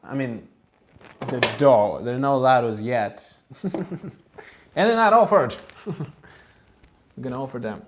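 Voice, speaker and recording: A man's voice: mid-range voice, lively intonation, slow, long pauses, slight background noise. A man from Israel, chatting casually with viewers during a cooking livestream as a monk. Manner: chatty, laughing, talks to viewers in the comments.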